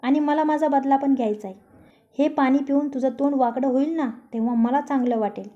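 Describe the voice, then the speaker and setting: A woman's voice: high-pitched, a little fast, dull audio, natural voice. A woman voicing a grumpy, sarcastic young man. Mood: irritated sarcastic. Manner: taunting, sarcastic. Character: young man, grumpy, teasing, quick to snap.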